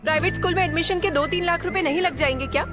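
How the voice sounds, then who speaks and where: Brief: a mouthy young sister, very high voice, music under. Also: female voice, very fast. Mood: arguing. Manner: retorting. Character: outspoken young sister, quick to argue. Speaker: dubbing actor. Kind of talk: dubbed film acting.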